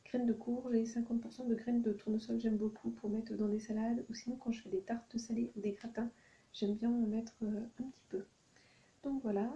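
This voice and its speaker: Creaky-voiced woman in a casual haul vlog. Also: mid-range voice, warm tone, highs cut off. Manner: hesitant, many ums, thinking aloud. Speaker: YouTuber doing a shopping haul. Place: at home at night.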